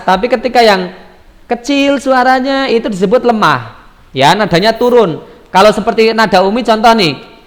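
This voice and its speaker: A male primary school teacher leads an online class, patiently asking the pupils questions and repeating their answers. His voice sits high. The recording has a long, ringing room reverb. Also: fairly bright tone.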